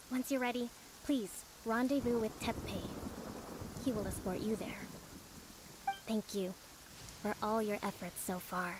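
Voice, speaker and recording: A woman's voice: fairly high pitch, background noise, lightly acted. A woman voicing a composed young priestess who leads a resistance in a video game, speaking politely and formally. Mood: earnest, resolved.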